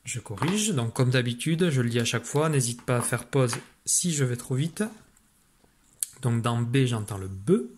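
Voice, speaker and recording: A man's voice: medium pitch, normal speed, slight background noise. A man teaching young children in an online spelling lesson, patiently dictating syllables and spelling out sounds and letters. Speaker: primary school teacher.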